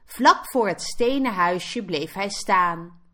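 Woman teacher, storybook narrator for learners; slow, clear, animated, bright tone. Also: mid-range voice. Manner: clear, expressive read-aloud. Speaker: Dutch teacher.

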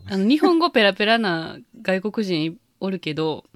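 A woman's voice: medium pitch, very animated, moderate pace, no room sound, clean studio sound. A woman with an Osaka accent hosts a podcast in an easy, chatty way. She laughs often and keeps the talk loose and casual. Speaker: podcast host. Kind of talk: casual chat.

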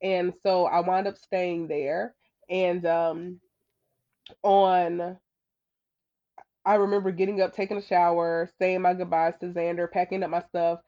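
A woman guest telling her story in a conversational, earnest way, growing animated when she quotes others. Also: on the low side, a little slow. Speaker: podcast guest. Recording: slightly dull lo-fi audio.

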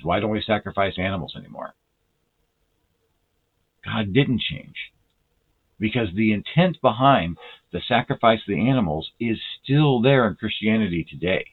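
A man with a very low, husky voice delivers an earnest sermon. He speaks in a measured way and slows down to lean on key words. The audio is thin and tinny, like it came over a phone line. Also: animated. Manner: earnest, measured, with slow deliberate emphasis; self-described dry sense of humor. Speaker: lay preacher.

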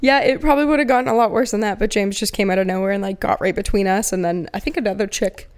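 A young woman co-hosting a podcast, chatting casually and telling animated stories with plenty of swearing. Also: medium pitch, fast talker, clear, resonant tone. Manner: swears freely, animated storytelling. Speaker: podcast co-host. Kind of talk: casual chat.

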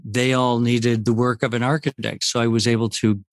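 Guy in his sixties from puerto rico, rambly laid-back storyteller, mid-pitched, dry close mic. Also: flat delivery, normal speed, dry recording. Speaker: guest architect. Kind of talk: casual interview.

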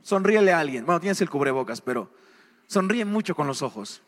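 A man preaching a sermon, animated and questioning his congregation. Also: a little high, fairly quick, big-room sound.

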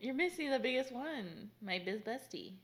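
A woman's voice: fairly high pitch, big pitch swings, normal speed. A woman business coach hosting a casual, teasing quiz with her husband, laughing often.

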